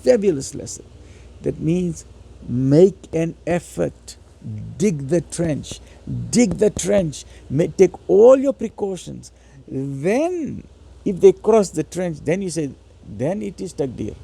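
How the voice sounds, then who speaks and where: With a fairly high, expressive voice and a slow pace, this preacher gives a motivational religious talk. The warm tone is roughened by a gravelly rasp, and he presses his listeners hard, repeating phrases to drive points home.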